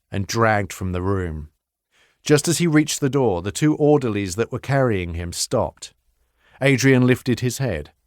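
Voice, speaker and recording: A man reading a horror novel aloud in steady, measured audiobook narration. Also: lowish voice, no room sound, clean studio sound.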